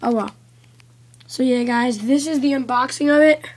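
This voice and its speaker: High-voiced woman, sniffly with a cold. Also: normal speed. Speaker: gaming video maker. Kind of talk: casual unboxing commentary. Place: carpeted room at home. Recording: noisy amateur home video.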